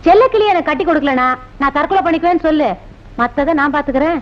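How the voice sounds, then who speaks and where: An actress playing a scheming, sharp-tongued village mother, with earthy proverb-laden talk. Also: high-pitched, fast talker, soft background music, lightly acted. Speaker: village mother scheming for her son's marriage. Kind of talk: Tamil film drama dialogue. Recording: dull lo-fi film soundtrack.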